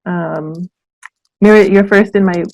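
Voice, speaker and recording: A woman hosting a workshop on a video call, friendly and a little hesitant, with frequent pauses. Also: mid-range voice, steady tone, darkish tone, low-quality recording. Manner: friendly, hesitant with many ums. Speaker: workshop host. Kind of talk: casual video call chat.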